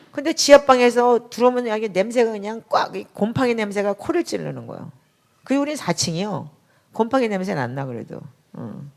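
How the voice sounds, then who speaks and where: A middle-aged woman pastor preaches in a chatty, emphatic style. Her pitch swoops widely as she speaks, and she breaks into sudden loud outbursts. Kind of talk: sermon.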